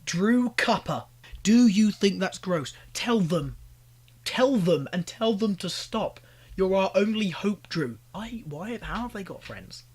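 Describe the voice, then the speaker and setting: Young British man, husky voice, exasperated reaction commentary, ranting, pleading. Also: sits high, animated, slow. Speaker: commentary YouTuber.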